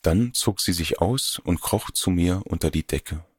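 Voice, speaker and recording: Deep husky man narrating a story. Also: no room sound, clean studio sound. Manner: measured, wry, introspective. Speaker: audiobook narrator. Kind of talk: first-person literary narration.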